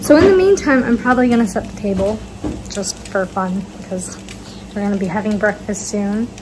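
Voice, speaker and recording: Speaking a little fast in a mid-range voice, this teen cooking vlogger walks through a recipe at home, chatty and full of fillers as she explains each step. The casual demo is shot on a phone camera, handheld at times, with an echoey room and loud noise behind her.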